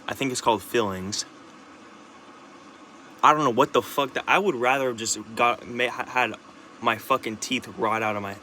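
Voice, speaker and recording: Bright-voiced man rambling to camera. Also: medium pitch, a little hiss or hum. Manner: rambling, halting, with many restarts, fillers and curses. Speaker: vlogger. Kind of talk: unscripted rambling monologue.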